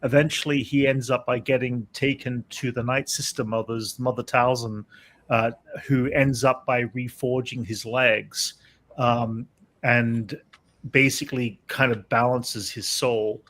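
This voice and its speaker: A man's voice: mid-range voice, steady tone, measured pace, a bit bright. Male podcast host, mid-range voice, rambling casual delivery. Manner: rambling, hesitant, lots of fillers and restarts. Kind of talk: casual pop-culture chat.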